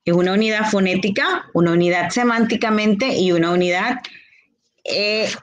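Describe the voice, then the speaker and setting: A woman teacher giving a grammar lesson, explaining slowly and answering her own questions, with a Honduran Spanish accent. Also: medium pitch. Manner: slow, explanatory, rhetorical questions.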